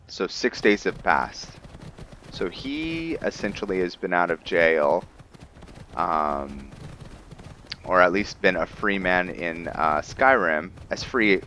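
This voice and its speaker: With a low, sharp-toned voice and a little hiss or hum on the track, a man gives off-the-cuff video game commentary. He's a gaming video host role-playing a character, thinking aloud in a musing, hesitant way.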